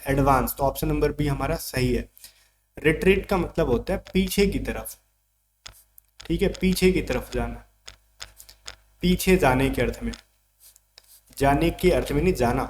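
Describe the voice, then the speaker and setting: A man's voice: fairly high pitch, a little hiss or hum. A man teaching an exam vocabulary lesson, explaining words step by step and checking in with his students often.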